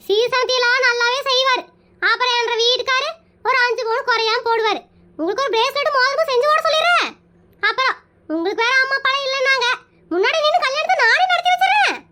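A shrill, nosy cartoon aunt. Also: female voice, fast talker, bright, forceful tone. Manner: brash, nosy, rambling. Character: pushy chatty married village aunt matchmaker. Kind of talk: cartoon comedy voice acting.

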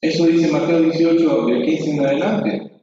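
A man's voice: a little high, steady tone, normal speed, mellow. A man teaching Sunday school in a conversational way, acting out voices of quarreling children. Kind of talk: church teaching. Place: church hall. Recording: echoey, distant, dull church audio.

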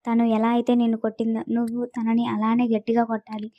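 A woman's voice: a little high, completely flat delivery, fast, warm tone, no echo, dull audio, lightly acted. A woman voicing a domineering, hot-tempered young husband in a storybook romance. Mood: stern.

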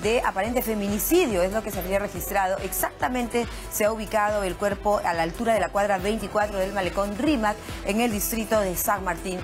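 A woman's voice: mid-range voice, fairly quick, few pauses, music in the background. A woman from Peru presenting the news in a TV studio, formal and composed. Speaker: news anchor.

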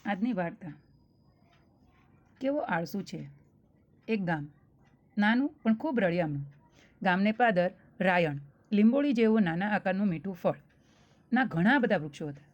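A woman's voice: mid-range voice, muffled recording. A woman telling a children's story, speaking directly to young listeners and asking them questions.

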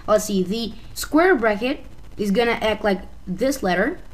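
A woman with an Albanian accent talks through a computer tutorial as a casual voice-over. She hesitates and often restarts and corrects her sentences. Her pitch sits in the middle range. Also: animated, a little slow, rough recording. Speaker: tutorial maker.

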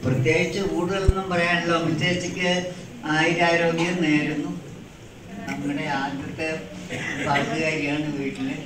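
A man delivers formal wishes for long life at a celebration. His voice is slightly high and far from the microphone. The hall echoes and a loud crowd sits behind him. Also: little pitch movement, moderate pace. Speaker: guest speaker. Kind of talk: celebration speech.

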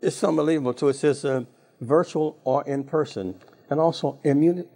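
A man hosts a local TV interview, putting brief questions and chiming in with affirmations. His voice is dark and husky. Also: a little high, fairly quick. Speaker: TV talk show host.

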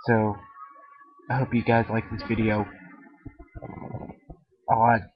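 A man with a deep voice recording an eager, rambling webcam message as a fan, talking casually at home. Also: flat delivery, takes it slowly. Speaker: fan making a video message. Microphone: webcam microphone. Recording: dull lo-fi webcam audio.

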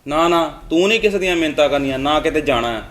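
A man's voice: on the high side, animated, fairly bright tone. A man playing a hurt, stubborn brother who speaks with resentment. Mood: bitter. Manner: rapid, resentful.

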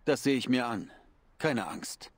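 A man voicing a calm grown protector hero in a German game dub. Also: medium pitch, unhurried, dry recording.

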